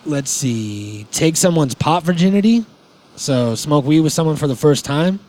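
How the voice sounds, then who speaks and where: A man's voice: on the high side, lively intonation, measured pace, a little mellow. A man hosting a podcast in casual chat, rambling and laid-back, with many "like"s and "um"s. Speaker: podcast host.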